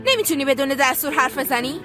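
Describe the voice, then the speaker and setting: An actress voicing a proud, quick-tempered young woman doctor in a dubbed TV drama. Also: high voice, animated, faint music behind. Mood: indignant. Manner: sharp and indignant when angry.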